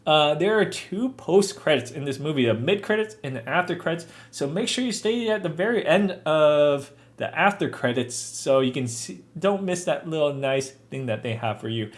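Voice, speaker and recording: A man's voice: a little high, lively intonation, normal speed, few pauses. A young adult man giving a casual spoken movie review, chatty, earnest and upbeat.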